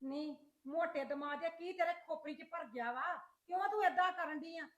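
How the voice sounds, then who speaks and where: A woman acts out a sharp-tongued mother-in-law with a very high voice, scolding in abrupt bursts. The room around her sounds echoey, like an amateur family drama. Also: moderate pace.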